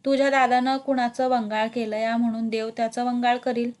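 A woman reading the part of a gentle, consoling old village man in a story. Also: fairly high pitch, level tone, brisk, natural voice.

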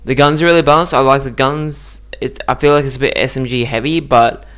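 A man's voice: medium pitch, steady tone, fairly quick, a bit bright. A man giving casual, chatty commentary on a video game he just played, with lots of ums and likes. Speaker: gaming YouTuber.

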